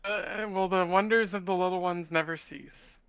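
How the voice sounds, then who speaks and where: A woman co-hosting a podcast, telling a story in a chatty, halting way. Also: fairly low pitch, fairly even intonation, crowd noise. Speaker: podcast co-host. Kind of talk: casual chat.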